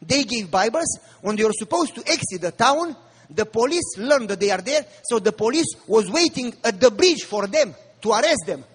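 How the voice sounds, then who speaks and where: Male preacher, husky tone, emphatic sermon delivery, recorded in a reverberant hall. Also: very high-pitched, expressive, normal speed, a bit bright. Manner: emphatic, asks the crowd rhetorical questions. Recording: long reverb of a large hall.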